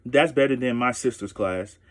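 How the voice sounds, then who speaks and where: A man's voice: mid-range voice, normal speed, close to an everyday voice. A man reading aloud the lines of a cheeky schoolboy from a storybook, lightly voiced. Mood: playful. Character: cheeky schoolboy, class joker.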